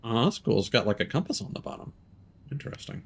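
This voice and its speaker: With big pitch swings, a quick pace and a creaky mid-range voice, a male game streamer delivers loose, rambling live commentary, swearing freely and muttering at what happens on screen. There is a little hiss or hum in the recording.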